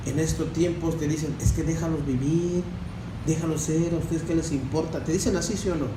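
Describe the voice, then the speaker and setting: A man's voice: fairly high pitch, steady tone, fairly quick, noisy background. A man giving a preachy testimony to a congregation, calling them brothers and asking rhetorical questions. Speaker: church member giving testimony. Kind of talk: sermon-style testimony. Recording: echoey room from far off with faint ambience.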